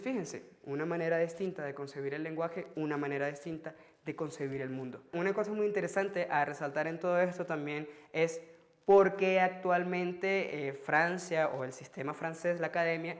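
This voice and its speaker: A man teaching a French lesson on video, explaining lively to his students and counting out examples on his fingers. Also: fairly high pitch.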